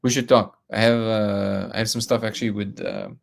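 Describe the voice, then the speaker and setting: A man's voice: on the low side, fairly even intonation, moderate pace, vocal fry. A man from Russia hosting a live stream, reading comments aloud and talking bluntly with frequent restarts.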